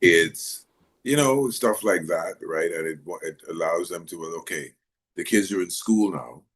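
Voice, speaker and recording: A middle-aged man from Jamaica, raised in Maryland, chatting in an interview in a relaxed, rambling way with many fillers. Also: low voice, measured pace, breathy edge. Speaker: actor guest. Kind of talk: casual interview chat.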